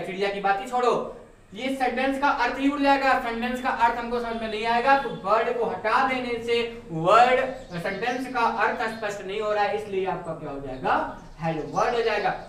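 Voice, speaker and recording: This young man's pitch is extremely high and a bit bright as he teaches English grammar at a whiteboard, asking and answering rhetorical questions. There's slight background noise. The recording comes from a camera at a distance, so he sounds off-mic in an echoey room.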